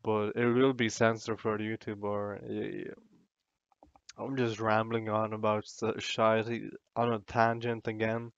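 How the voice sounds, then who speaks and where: A man's voice: on the low side, level tone, unhurried, gravelly, clean tone, no room sound, lo-fi sound. A drunk man in a casual, sweary, meandering and self-deprecating ramble to the camera, as a vlogger does.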